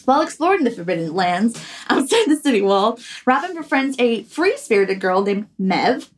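Woman co-host, high-ish voice, casual reader who stumbles on names, mic a bit distant. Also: sing-song, normal speed. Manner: chatty, stumbles over names while reading. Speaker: podcast co-host. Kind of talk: casual chat, reading a film summary.

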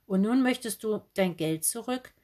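A woman's voice: mid-range voice, moderate pace, darkish tone, lightly acted. A woman voicing a cheerful, quirky young female bookseller in a kimono, bubbly and breezy. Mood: chirpy. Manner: bubbly, breezy, oddly matter-of-fact.

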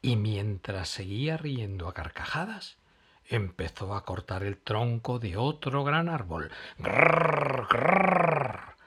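A man reading a children's story aloud, expressive and dramatic. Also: fairly low pitch, measured pace, a little hiss or hum.

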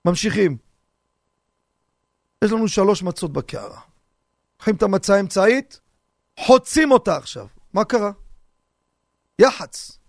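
A man, a rabbi, giving a radio sermon on the seder, animated and humorous, full of rhetorical questions. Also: high-pitched, vocal fry, pauses often, no echo, clean studio sound.

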